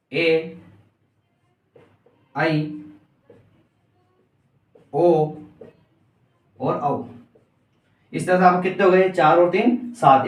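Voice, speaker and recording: A man with a slightly high voice teaches an exam-prep grammar lesson, putting questions to the class and then answering them himself. He stands away from the mic, so his voice sounds thin and distant. The room echoes a great deal. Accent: Indian Hindi.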